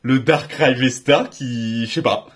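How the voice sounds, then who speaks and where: A young man hosting a card-opening video, giving excited, slangy commentary and exclaiming loudly at every good pull. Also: medium pitch, a little slow, slightly rough. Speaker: card collector and channel host.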